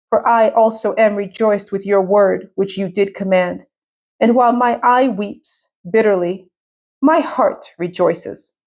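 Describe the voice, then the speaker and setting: A woman reading the slow, mournful lament of a devout, grieving elderly mother. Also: medium pitch, a little mellow.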